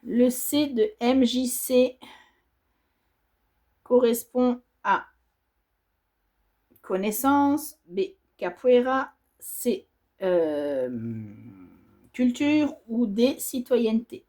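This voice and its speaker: An embroidery vlogger reads quiz choices aloud as she stitches, mulling them over with hesitations in a casual way. She speaks very slowly with long pauses, in a slightly high, expressive, mellow voice.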